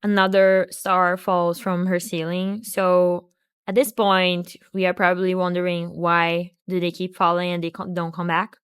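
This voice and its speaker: A woman's voice: lowish voice, level tone, a little slow, clear, resonant tone, dry recording, studio quality. A woman hosting a video, giving a casual recap of a film and book with joking asides and restarts. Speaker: video host.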